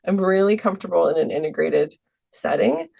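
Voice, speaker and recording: Woman podcast guest, really gravelly voice, lots of ums and little laughs, easygoing chat. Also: lowish voice, lively intonation, a little fast, darkish tone, lo-fi sound. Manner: hesitant, many ums, laughs often. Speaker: podcast guest, art teacher for seniors. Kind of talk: casual interview talk. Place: Milwaukee, US.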